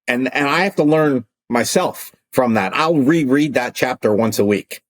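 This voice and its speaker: Man, middle-aged, attorney coach, animated storyteller, casual interview talk. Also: medium pitch, moderate pace. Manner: animated, acts out phone calls and arguments.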